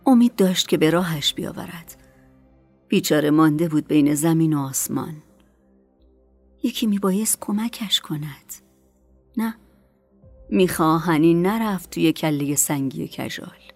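A woman narrating an audiobook in a soft voice that often drops to a whisper. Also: low voice, long pauses, soft background music. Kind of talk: scripted narration.

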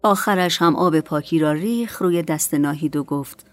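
A woman narrating an audiobook in a soft voice that often drops to a whisper. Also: low voice, soft background music. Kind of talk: scripted narration.

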